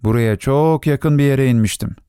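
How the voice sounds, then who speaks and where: A man voicing a gentle, earnest little boy prince in a storybook reading. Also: mid-range voice, normal speed, clear, resonant tone, no room sound, clean studio sound, voice pushed up, natural voice.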